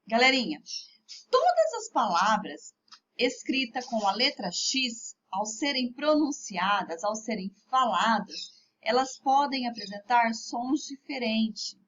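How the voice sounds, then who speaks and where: A woman teacher with a Brazilian Portuguese accent gives a remote lesson to young pupils, speaking slowly and carefully sounding out each word. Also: on the high side, a bit bright, dull audio. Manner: slow, clearly articulated, spelling out words for children. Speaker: primary school teacher.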